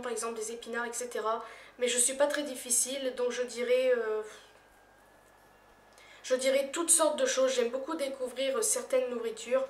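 A young woman answering questions in a casual vlog, hesitant, with many fillers and phrases that trail off softly. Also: a little high. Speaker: YouTuber. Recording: echoey room, voice a little far from the mic.

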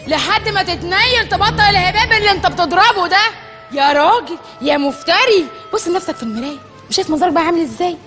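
An actress playing a fed-up, scolding Egyptian wife in broad TV sketch comedy. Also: female voice, extremely high pitch, expressive, fast talker, fairly bright tone, big-room sound, faint music behind.

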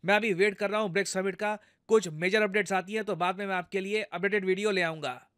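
A man with an Indian accent hosts a news video, explaining events step by step and addressing viewers directly in a conversational way. He talks fast in a high, fairly bright voice with fairly even intonation, recorded at studio quality with no room sound.

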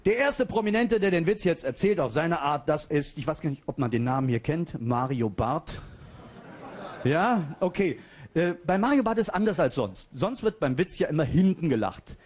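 A man doing a lively stand-up comedy routine on stage, chatting with quick asides. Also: a little high. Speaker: comedian and impressionist.

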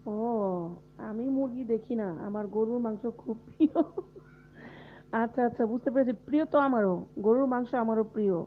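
A woman's voice: on the high side, fairly even intonation, fairly quick, pauses often, slight background noise. A woman from Bangladesh, unwell with a fever, chatting casually with viewers during a live stream from a closed room at home and often laughing. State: unwell with fever and body aches. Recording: tinny phone-like live stream audio.

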